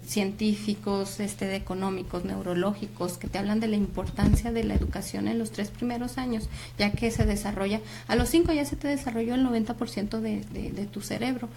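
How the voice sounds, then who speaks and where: A woman's voice: mid-range voice, fairly even intonation, a little fast, creaky, hardly any pauses, noisy background. A woman psychologist with a Mexican Spanish accent, explaining earnestly as an interview guest with many fillers. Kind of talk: explanatory talk show interview.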